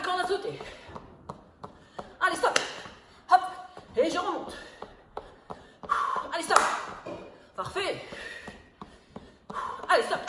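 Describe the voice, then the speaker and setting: A woman fitness instructor leading a workout, counting reps and calling out cues with energetic encouragement, a little breathy from exertion. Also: high voice. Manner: energetic, encouraging drill calls. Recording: echoey room, noticeable background noise.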